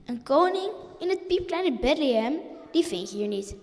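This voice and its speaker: A wise male owl from a storybook dismisses the question with a shrug in his voice, as a woman reads him. He sounds a little high and set back, with a long reverb. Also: very animated, moderate pace, darkish tone. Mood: dismissive.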